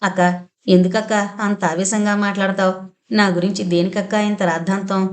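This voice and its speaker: A woman voicing a gentle young woman who speaks softly and tearfully with quiet resignation in a storybook reading. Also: mid-range voice, flat delivery, brisk, natural voice. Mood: sorrowful. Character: gentle sorrowful young woman Janaki, meek and patient.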